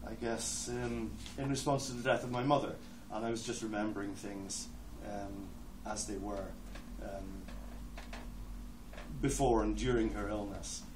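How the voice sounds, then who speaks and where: A man with an Irish accent, a poet giving a reading with spoken introductions, hesitant between phrases and slow in verse. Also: lowish voice, steady tone. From Ireland. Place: lecture hall with an audience. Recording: echoey hall, distant mic, background noise.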